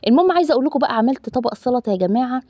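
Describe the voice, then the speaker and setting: A woman's voice: sits high, expressive, rapid-fire, dark tone, no room sound. A woman in her thirties with an Egyptian Arabic accent, chatting casually to viewers while narrating her cooking, with lots of fillers. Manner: chatty, addresses viewers as loved ones, frequent fillers. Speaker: family vlogger.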